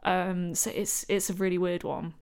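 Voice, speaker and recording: Female podcast host, low register, reflective and casual, hedges as she talks. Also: fairly even intonation, normal speed, a little mellow, clear, resonant tone. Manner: thoughtful, hedging with "sort of" and "like". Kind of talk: casual conversational interview.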